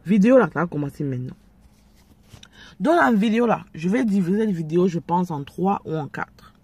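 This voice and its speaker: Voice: mid-range voice, expressive, a little fast, a little mellow, husky, no echo. A speaker with an Ivorian French accent giving preachy, confrontational commentary straight to the viewers. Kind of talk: direct-to-camera commentary.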